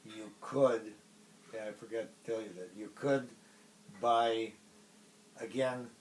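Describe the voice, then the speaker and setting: A middle-aged man from Poland with a Polish accent, a native Polish speaker, recalling his past in a casual interview in a halting way with many pauses. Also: fairly low pitch, fairly even intonation, darkish tone, recorded from a distance, slight background noise, rough recording. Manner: halting, pausing often mid-phrase.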